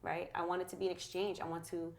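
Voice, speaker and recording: A woman's voice: lowish voice, little pitch movement, quick pace, creaky. A middle-aged woman, a guest speaker in an interview, talking in a passionate, affirming way with a preacher-like rhythm. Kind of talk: conversational interview.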